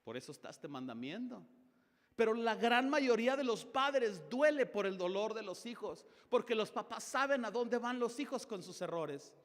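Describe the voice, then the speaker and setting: Mexican pastor guy preaching, middle-aged, high voice, acts out little dialogues, big echoey church. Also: animated, moderate pace. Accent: Mexican Spanish. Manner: dramatic shifts of tone, acting out dialogues. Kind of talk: sermon.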